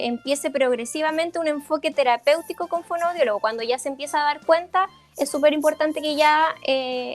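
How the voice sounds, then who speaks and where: High-voiced woman explaining slowly. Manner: explanatory, with frequent "eh" fillers and "¿ya?" check-ins. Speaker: speech therapist giving a parent workshop. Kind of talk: informal lecture over slides.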